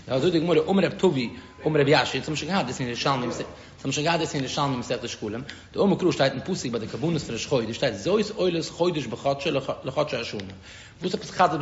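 A man with a Yiddish accent teaching a Talmud lesson as a rabbi, halting and often repeating words as he explains. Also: mid-range voice. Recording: dull echoey room recording with faint noise.

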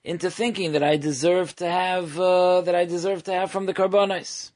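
A man's voice: sits high, flat delivery, normal speed, a little mellow, pitched above the performer's own voice, lightly acted. A man voicing a boastful man who brags about eating sacrificial meat. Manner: proud, boasting.

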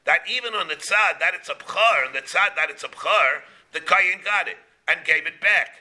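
A man's voice: on the high side, moderate pace, sharp tone. A man, a rabbi, teaching a Talmud class in short repeated phrases, posing questions and answering them. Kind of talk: Talmud lesson, reading and explaining.

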